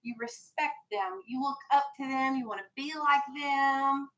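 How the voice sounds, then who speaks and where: The recording is rough, and the woman's high voice comes across sharp and unhurried. She's an American elementary school teacher giving a classroom vocabulary lesson to little kids, prompting them with questions and directions.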